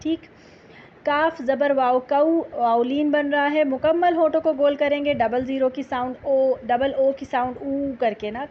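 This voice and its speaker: A woman teaching tajweed, patiently explaining letters and reciting Quranic verses slowly. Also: high-pitched, muffled recording, a little hiss or hum.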